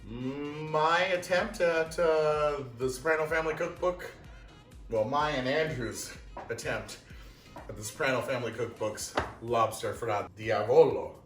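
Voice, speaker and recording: A man's voice: mid-range voice, measured pace. Self-deprecating man hosting a cooking vlog. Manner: self-deprecating, chatty, talks while eating. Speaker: cooking show host. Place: home kitchen. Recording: roomy kitchen, mic at a distance, music.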